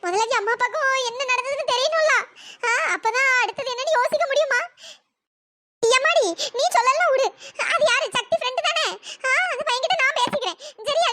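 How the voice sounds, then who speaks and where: A voice actor playing a caring, worried old grandmother in a cartoon story, with a pitch-raised processed voice. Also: pushed and bright. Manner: soothing, worried, coaxing.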